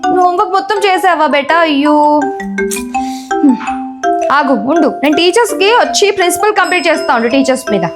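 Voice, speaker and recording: A woman's voice: extremely high pitch, quick pace, long pauses. A woman playing a nagging, penny-pinching mother who scolds her daughter in a comedy skit. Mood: comforting. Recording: background music.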